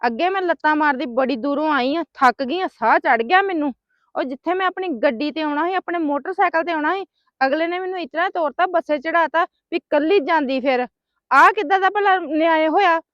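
Woman doing a ranty angry niece in a family skit, high voice, kinda muffled dry sound. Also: fairly quick, no echo, close to an everyday voice. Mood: angry scolding. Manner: sharp, scolding, ranting. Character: hot-tempered scolding young woman. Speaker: angry niece heading to confront her sister-in-law. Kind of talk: amateur family drama skit.

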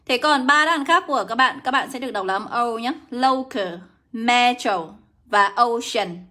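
Brisk, bright-voiced woman English teacher. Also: sits high, animated. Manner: brisk, coaxing, greets viewers by name. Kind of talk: livestream lesson.

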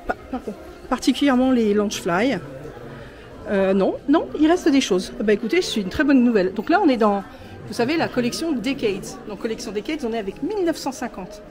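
A woman's voice: a little high, expressive, a little fast, a little mellow. A woman vlogging casually from an indoor shop, gushing over each item and piling on superlatives, filming on a handheld phone. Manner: gushing, piles on superlatives and repeats "very, very". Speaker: merchandise vlogger. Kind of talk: casual shopping vlog. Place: indoor theme park shop. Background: shop background music.

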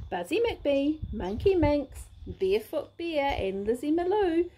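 A woman reading a rhyming picture book aloud in a sing-song, expressive way. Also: high-pitched, measured pace. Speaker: storybook reader.

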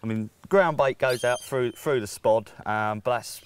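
A man's voice: medium pitch, measured pace. A man in his thirties talking through fishing tackle on a lakeside bank, easygoing and practical, with frequent ums, on a lapel mic. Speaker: angler guest. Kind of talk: relaxed outdoor tackle chat. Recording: faint outdoor noise by a lake.

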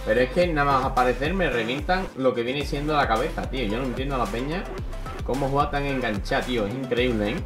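A young man from Spain, commentating his own gameplay in an excitable way, swearing often and bursting into loud shouts. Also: medium pitch, fast, music in the background. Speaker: gaming youtuber.

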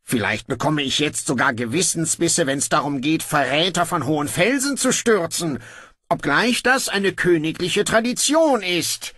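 Man doing Brocando, gruff sardonic king. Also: fairly high pitch, expressive, unhurried, fairly bright tone, no echo, voice pushed up. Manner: gruff, grumbling, dry sarcasm. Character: sarcastic, weary, ruthless young male king.

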